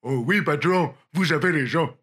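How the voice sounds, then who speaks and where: A man's voice: a little high, normal speed, raised voice, natural voice. A man playing a timid, obliging cartoon henchman, servile and hesitant.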